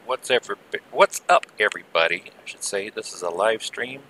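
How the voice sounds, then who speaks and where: A man giving casual, rambling live gameplay commentary with muttered asides, heard through low-quality stream audio from an old headset. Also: lively intonation, moderate pace, bright, forceful tone, slight background noise. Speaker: game server streamer.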